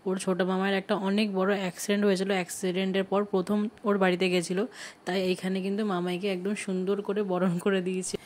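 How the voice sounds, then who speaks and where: A woman's voice: medium pitch, darkish tone, a little hiss or hum. A woman narrating her vlog in a chatty way, explaining who each family member is. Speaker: vlogger.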